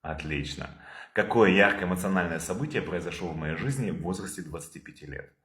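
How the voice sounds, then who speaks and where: A man leading a calm therapy session over a video call, probing with repeated questions. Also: low voice, fairly quick, roomy sound.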